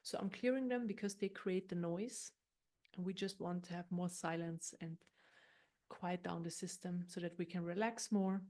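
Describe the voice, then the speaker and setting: A woman guides an unscripted meditation gently and unhurriedly, explaining as she goes and often circling back over what she said. Her voice is fairly low, with fairly even intonation.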